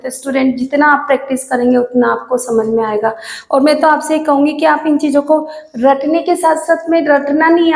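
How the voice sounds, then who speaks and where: A woman teaching English grammar to students, repeating example phrases slowly and often turning to address the class. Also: sits high, gravelly, darkish tone. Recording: echoey room.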